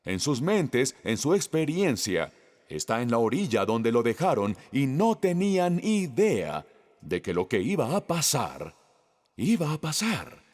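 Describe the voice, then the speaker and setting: A man preaching to a congregation, his pitch rising and falling with lively expression. He takes his time, leaning on each phrase and turning to ask the room questions. His voice carries a long reverb, as if filling a large hall. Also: measured pace. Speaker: pastor. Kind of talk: sermon.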